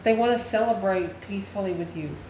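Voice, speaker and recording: In an echoey room with noticeable background noise, a woman of ordinary pitch and a brisk, slightly mellow voice reads tarot as a channel host. She speaks directly to the viewer in a folksy, familiar way, calling them honey and baby and repeating phrases for emphasis.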